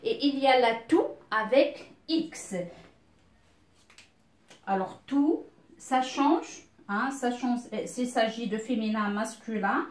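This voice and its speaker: Middle-aged lady teacher going over letter sounds really slowly, echoey room. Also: on the high side. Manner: slow and patient, spells out letters and sounds, many hesitations. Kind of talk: French phonics lesson for beginners.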